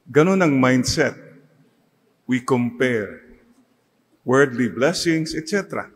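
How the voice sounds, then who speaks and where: Slow Filipino priest in a reverberant church. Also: male voice, medium pitch, lively intonation, husky. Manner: slow, mixes Tagalog and English, leads the congregation in call-and-response. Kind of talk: sermon.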